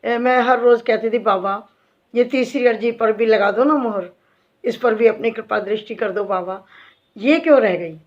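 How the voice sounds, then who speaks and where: A woman's voice: on the high side, normal speed. A middle-aged woman, a devotee and bhajan singer, telling an emotional faith story to fellow devotees in a heartfelt, earnest way. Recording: dull lo-fi recording.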